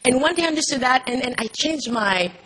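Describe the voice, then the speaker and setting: The speaker is an actress from Haiti, first language Haitian Creole, telling a personal story in English on a Montreal panel with an earnest tone and plenty of restarts and fillers. She sounds animated and a little fast, with a high, fairly bright, husky voice.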